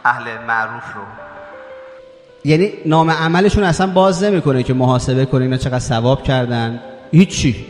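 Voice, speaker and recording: A man delivering a religious sermon, reciting Arabic scripture and asking his listeners rhetorical questions. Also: mid-range voice. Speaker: preacher. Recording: echoey hall with faint music.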